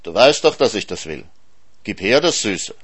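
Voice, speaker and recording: A man's voice: on the low side, very animated, moderate pace, fairly bright tone, breathy edge, heavily acted. A man reading a storybook voices a greedy, insatiable hyena that whines and pleads.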